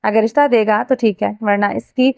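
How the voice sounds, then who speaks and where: A woman's voice: fairly high pitch, fairly even intonation, vocal fry, dry recording, lo-fi sound. A woman voicing a brash, stubborn young man who talks in a carefree, teasing way, read aloud from a novel.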